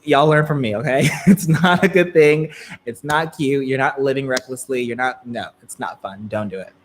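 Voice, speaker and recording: A man's voice: mid-range voice, normal speed. Chatty young man telling a story. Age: 20s. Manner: chatty, filler-heavy, frequent laughs, swings between loud and soft. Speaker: live stream storyteller. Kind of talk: casual storytelling to a live chat.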